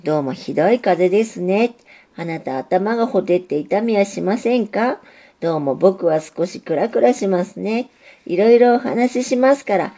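In a storybook reading, a woman with a dark, medium-pitched voice plays a lovesick young male railway signal. The character is earnest, eager and pleading, repeating himself.

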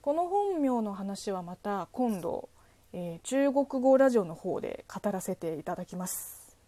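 A woman's voice: medium pitch, sing-song, unhurried, warm tone, no echo. A woman from China with a Chinese accent, hosting a solo podcast and answering a listener letter with playful, teasing asides. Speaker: podcast host.

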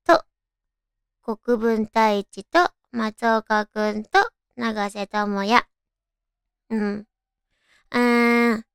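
Female radio host, high cute anime-girl tone, very clear with noticeable fry, chatty and informal. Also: extremely slow, pauses often, dry recording, clean studio sound. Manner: chatty, musing aloud to listeners. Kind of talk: casual solo radio chat.

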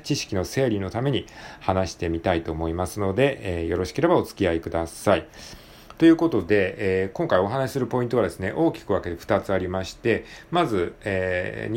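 A man hosting his own podcast, talking alone in a polite, relaxed way with many drawn-out fillers. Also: fairly low pitch. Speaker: podcast host. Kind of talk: casual solo podcast talk.

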